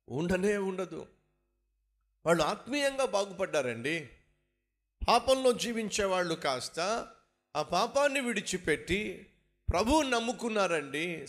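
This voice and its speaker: Man preaching, fairly high voice, swinging pitch, rhetorical questions, dramatic outbursts. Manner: animated, rhetorical questions, acts out biblical speakers. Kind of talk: Telugu sermon.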